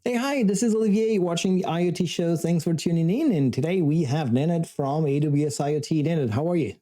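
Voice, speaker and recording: Male host, dark mellow voice, casual upbeat interviewer. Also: a little high, a little fast. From France. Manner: chatty, upbeat, with small laughs. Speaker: show host.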